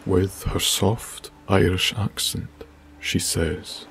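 A man narrating a bedtime sleep story in a soft, hushed, breathy manner. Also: low-pitched, level tone, takes it slowly, slight background noise.

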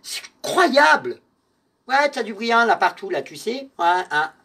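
A man hosting a live-stream clothing sale, theatrically teasing and mock-insulting his viewers by name, swinging between muttering and shouting. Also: high voice, very animated, a little slow, breathy edge. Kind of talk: live-selling stream chat.

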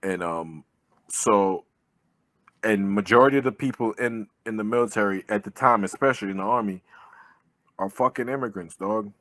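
A man's voice: fairly low pitch, normal speed, fairly bright tone, dry recording. Casual New man on a video call. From born in Jamaica, raised in Brooklyn. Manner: loose, conversational, swears freely, many fillers. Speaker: guest, army veteran and pro boxer. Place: living room indoors. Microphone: webcam with earbuds.

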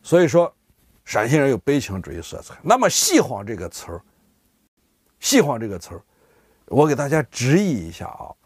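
A man's voice: medium pitch, husky, no echo, studio quality. A man, casually explaining local words to his viewers and acting out everyday examples. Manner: animated, often voices everyday speakers in examples. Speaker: vlogger explaining dialect words. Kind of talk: casual explanatory talk to camera.

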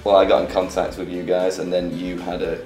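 A young man in his twenties talks easily and cheerfully about his experiences. His voice sits very low. The room is echoey, with faint music underneath. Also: fairly quick. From England. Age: 20s. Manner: relaxed, upbeat, easygoing. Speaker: interviewee. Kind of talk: casual interview chat. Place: small office studio, indoors.

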